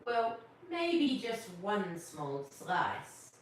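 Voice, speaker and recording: A woman's voice: mid-range voice, sing-song, very slow, heavy reverb, distant mic, a little hiss or hum. A woman voicing a jolly, sheepish old Santa with a big appetite, in a storybook reading.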